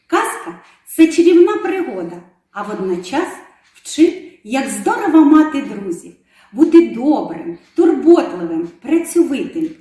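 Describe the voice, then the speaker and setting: Female storyteller, gentle children's intro, high and lively, very roomy echo. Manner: slow, gentle address to children. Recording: very echoey room.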